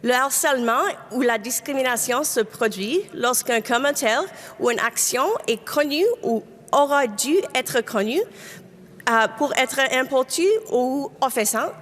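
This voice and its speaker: In a large convention hall full of long reverb, a woman co-chairs proceedings, reading policy and announcements in English and French, slipping slightly now and then. She speaks French with an English-speaking accent, and her bright, high voice is unhurried.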